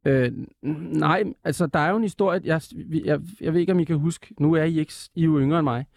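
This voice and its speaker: Male guest, higher-pitched, lively and stammering, dry close sound. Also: gravelly, no room sound. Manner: animated, stammering restarts. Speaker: TV presenter as guest. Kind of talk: casual interview chat.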